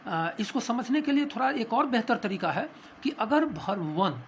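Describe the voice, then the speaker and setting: A male English teacher with an Indian accent giving a grammar lesson, explaining terms slowly with hesitant pauses and frequent fillers. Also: very high voice, sing-song, a bit bright, slight background noise. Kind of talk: classroom grammar lesson, Hindi mixed with English.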